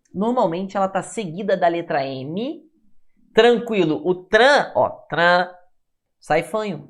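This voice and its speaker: A man with a Brazilian accent teaches a lesson to his class, his voice rising and falling all the time. He breaks words into syllables and says each one out loud. He keeps asking his students short questions to check that they are following. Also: high-pitched. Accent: Brazilian Portuguese. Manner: sounds out syllables to demonstrate. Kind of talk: classroom lecture.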